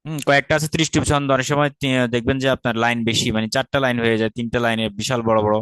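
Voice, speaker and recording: A man from Bangladesh leads an online class on Sanskrit verse, explaining each point patiently and checking that his students follow. His voice sits at an ordinary middle pitch. He slows down to recite syllables carefully, recorded close and dry with no room sound. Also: level tone, fairly bright tone, smooth, no room sound. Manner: explains patiently, often asks rhetorical questions and checks understanding. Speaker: teacher of Sanskrit grammar.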